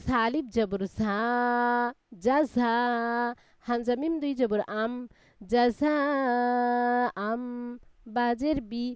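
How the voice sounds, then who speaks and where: A woman's voice: a little high, slow pace, long pauses, darkish tone, smooth, no room sound, studio quality. A woman teaching a live Quran reading class, spelling out letters one by one and patiently explaining the reading rules.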